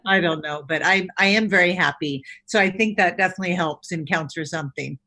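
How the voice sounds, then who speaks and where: A woman's voice: on the low side, fairly quick, bright, forceful tone. A woman in her fifties from California speaks as a guest in an interview. She is a relationship coach, and she talks in an earnest, reflective way about her own experience. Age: 50s.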